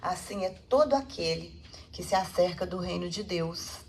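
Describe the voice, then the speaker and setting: A woman voicing a gentle, serene male teacher who speaks in a tender, solemn and poetic way. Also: high-pitched, animated, moderate pace, a little hiss or hum.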